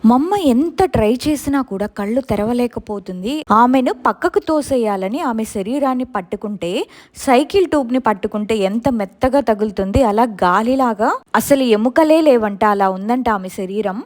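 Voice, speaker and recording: A woman recounts a true ghost story in a steady first-person telling. Her voice sits a little above the usual pitch for a woman. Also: normal speed.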